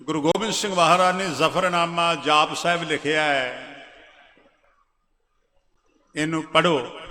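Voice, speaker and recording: A man preaching a Sikh katha sermon, chanting Persian verses slowly and then explaining them in quick, lively speech that swells loud on key lines. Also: fairly high pitch. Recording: long reverberant hall.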